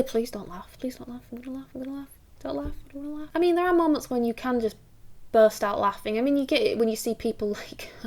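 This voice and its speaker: A woman giving a casual acting lesson, chatty and quick to act out the lines she describes. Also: on the high side, darkish tone. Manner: chatty, acts out quoted lines, uses filler 'like'. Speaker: acting teacher.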